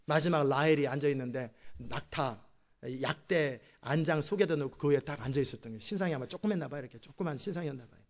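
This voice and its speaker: A male pastor preaching a sermon, retelling a story in an animated way with chatty asides to the congregation. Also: on the high side, fast. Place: church sanctuary.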